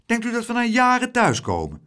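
A man voicing an eager, lively little girl in an audiobook, with a high, quick voice. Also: clear, resonant tone, full character voice.

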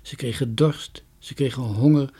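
A man reading a children's story aloud with expressive, lilting delivery. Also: medium pitch, moderate pace, slightly rough.

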